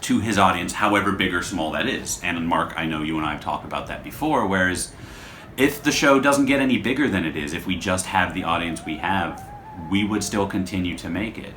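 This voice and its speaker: In a hotel room, a low-pitched man with a sharp tone hosts his show through an unscripted, casual vlog to camera, rambling in an introspective and self-deprecating way. Another person holds the camera, and the recording has room echo and faint background noise.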